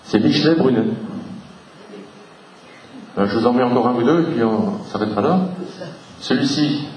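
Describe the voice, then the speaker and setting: A man giving an unhurried local history talk to a live audience, explaining each point step by step and spelling out letters from the slides. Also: medium pitch, crowd noise. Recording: echoey room, voice from far off the mic.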